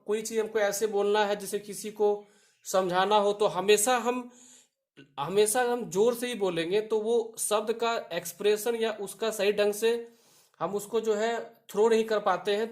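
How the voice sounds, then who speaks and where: A man with a high voice teaches an exam prep lesson, walking through each question step by step. He reads the options slowly. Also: steady tone.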